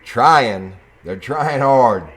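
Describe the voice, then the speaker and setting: A man gives easygoing, unhurried commentary while he plays a football video game. His voice sits at an ordinary middle pitch, and he drawls through his remarks, talks back to the computer opponent and now and then lets out a loud whoop. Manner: slow, chatty, talks to the game, sudden excited whoops. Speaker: gaming YouTuber. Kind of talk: casual gameplay commentary.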